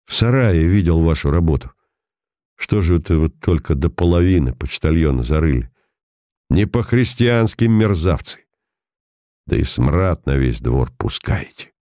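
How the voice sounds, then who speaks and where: A man voicing a calm, commanding older detective with a cool, sardonic manner, read as an audiobook character. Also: rumbling low, measured pace, no echo, studio quality, pitched below the performer's own voice. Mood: scornful.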